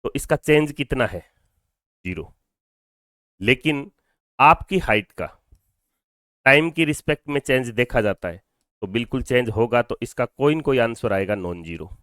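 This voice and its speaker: A man's voice: medium pitch, expressive, a little slow, long pauses, a bit bright, no echo, clean studio sound. Hindi-speaking man teaching physics. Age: adult over twenty-two. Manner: explains step by step, asking and answering his own questions; mixes Hindi with English phrases. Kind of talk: classroom lecture.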